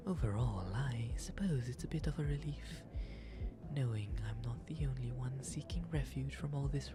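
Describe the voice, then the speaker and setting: In an ASMR roleplay, an intimate audio drama set over continuous music, a man voices a genteel owl demon nobleman who is shy and flirtatious. His mid-range voice is soft and breathy. His diction stays refined, formal and polite, with a wry, self-deprecating edge.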